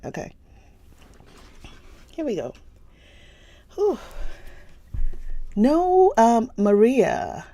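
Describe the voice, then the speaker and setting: A young Ghanaian woman, speaking in a medium-pitched voice with a dark tone, hosts a livestream book reading through a phone or computer stream mic. She keeps things casual, laughing often and calling out viewers by name.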